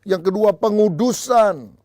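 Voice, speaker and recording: A man's voice: high voice, measured pace, a little mellow, no echo, studio quality. A male pastor preaching a sermon, telling humorous anecdotes and addressing the congregation as brothers and sisters.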